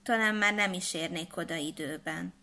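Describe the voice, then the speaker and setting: A shy young princess girl from a storybook, read by a woman narrator. She speaks softly and gently, with a wistful, quiet manner. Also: lowish voice. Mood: sighing.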